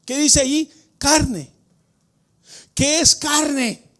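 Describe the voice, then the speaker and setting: A male pastor with a notably high voice preaches a sermon in a church at a slow, drawn-out pace. He throws questions to the congregation and swings from hushed explanation to loud, shouted emphasis. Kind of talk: Spanish-language sermon. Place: church sanctuary.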